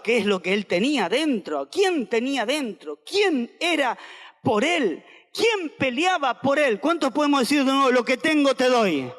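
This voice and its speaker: An Argentine pastor preaches a sermon in an auditorium, speaking emphatically and repeating phrases for the congregation to say back. His voice is very high-pitched and fairly bright, and the recording carries the long reverb of a large hall.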